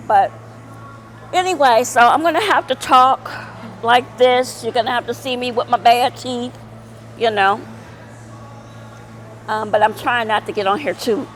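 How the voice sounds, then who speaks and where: Middle-aged woman, unhurried rambling vlog talk, faint traffic behind. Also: medium pitch, rough recording. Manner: rambling, many fillers and repeats. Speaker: vlogger. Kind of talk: casual vlog monologue.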